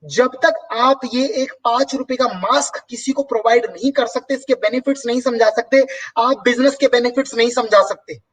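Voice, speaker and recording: A man's voice: very high-pitched, normal speed, far from the mic, poor audio. A man hosting a motivational business talk and answering viewer comments, speaking emphatically with rhetorical questions.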